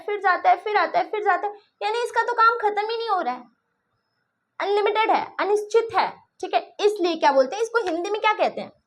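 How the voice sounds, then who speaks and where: A woman's voice: extremely high pitch, a bit bright. A woman teacher explaining a grammar lesson, speaking examples, often repeating herself and checking that students follow. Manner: repetitive, checks understanding often.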